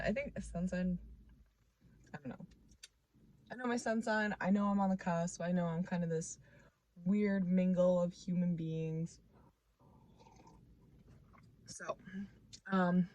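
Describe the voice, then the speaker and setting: A woman's voice: lowish voice, darkish tone. A woman in her twenties chatting casually to the camera at home, rambling and restarting her thoughts with many fillers, playful and self-mocking. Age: 20s. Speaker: vlogger.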